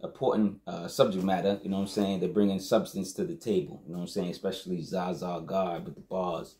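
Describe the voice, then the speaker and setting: This low, mellow male voice belongs to a hip-hop album reviewer hosting his show. He gives a casual, slangy review of a rap album, often dropping "you know what I'm saying."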